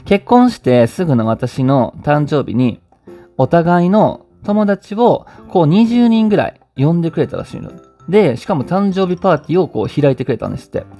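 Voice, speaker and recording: A man's voice: a little high, sing-song, normal speed, dark tone. A man with a Kansai accent hosting a casual radio-style podcast, reading listener stories in a chatty way and laughing often. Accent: Kansai Japanese. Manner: chatty, laughs often, refers to himself by nickname. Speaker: podcast host. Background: faint background music.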